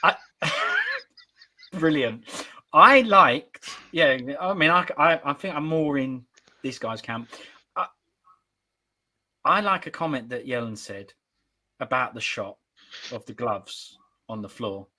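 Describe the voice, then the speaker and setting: A man's voice: medium pitch, lively intonation, takes it slowly, pauses often, sharp tone, rough recording. A man hosting a casual sports podcast chat, rambling and restarting his sentences. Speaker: podcast host.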